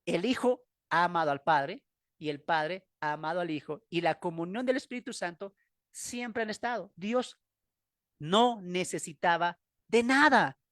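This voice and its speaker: A man's voice: high voice, no echo, clean studio sound. A man with a Bolivian accent teaching a Bible class, emphatic and full of rhetorical questions. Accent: Bolivian Spanish.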